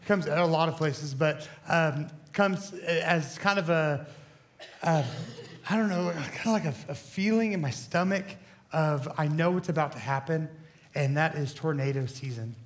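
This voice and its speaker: A young student pastor, hoarse and scratchy from bronchitis and high-pitched for a man, gives a casual, joking sermon in a church hall. At a moderate pace he rambles and pokes fun at himself, stumbling through fillers and restarts.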